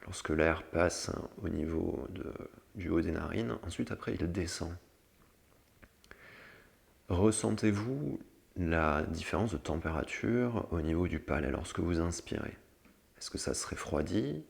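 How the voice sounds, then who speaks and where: A man with a gravelly, creaky voice giving step-by-step instruction as a guide for a breathing meditation. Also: sits low, expressive, measured pace.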